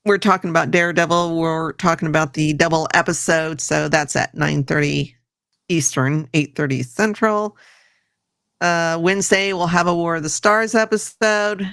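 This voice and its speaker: A woman's voice: fairly low pitch, fairly even intonation, unhurried, a bit bright, clear, resonant tone, no room sound, studio quality. A woman joining as a guest in a casual livestream chat, chatty and upbeat. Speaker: guest co-host.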